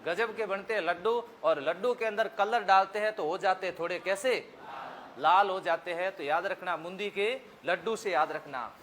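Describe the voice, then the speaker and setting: A high-voiced man with a Rajasthani accent teaching history for competitive exams. His bright, ringing tone carries homely jokes and quick questions that he answers himself. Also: slight background noise. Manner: folksy, joking, asks the class questions and answers them himself. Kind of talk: exam-prep history lesson.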